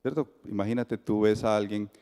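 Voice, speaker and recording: A Colombian pastor preaches a sermon in a church sanctuary, his fairly low voice moving fairly quickly and trailing a long reverb. He tells the story in a lively way, acting out the dialogue himself.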